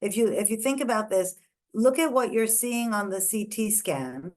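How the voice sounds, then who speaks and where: In an online lecture on ear anatomy, a woman from India, whose first language isn't English, methodically walks through scans and points out structures one by one. Her mid-range voice has lively intonation and a moderate pace.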